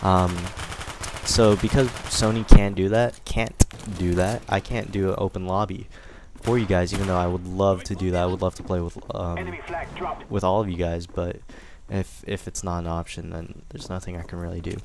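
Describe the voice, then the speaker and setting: Deep-voiced young man over game gunfire. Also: flat delivery, fairly quick, background noise. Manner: rambling, grateful, many fillers and restarts. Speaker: gaming commentator. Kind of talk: casual commentary over gameplay.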